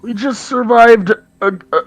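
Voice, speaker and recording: Female dwarf survivor played by a man, raised raspy old-hag voice, earnest and pleading, tabletop fantasy game. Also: very high voice, a little slow, pitched above the performer's own voice.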